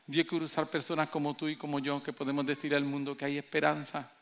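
Man preaching, gravelly voice, fairly high pitch, impassioned, acts out quoted voices. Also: completely flat delivery, fast talker. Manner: impassioned preaching, rising to near shouts. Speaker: pastor. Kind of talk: sermon.

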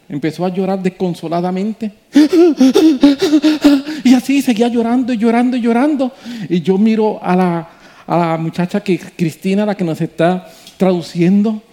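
A male preacher, telling a story and building to emphatic sermon preaching. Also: sits high. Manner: animated, rising to emphatic preaching.

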